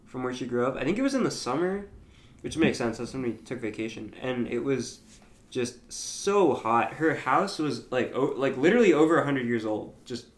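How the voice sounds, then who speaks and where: A man's voice: mid-range voice, echoey room. A young man co-hosting a casual podcast, rambling with lots of fillers and hesitations. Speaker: podcast co-host. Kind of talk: casual chat.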